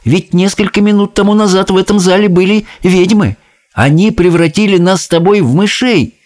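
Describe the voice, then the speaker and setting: A man voicing a sensible young boy, now a mouse, who talks calmly and persuasively in an audiobook reading. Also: sits high, moderate pace, voice pushed up, lightly acted. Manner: calm, persuasive, a little sly.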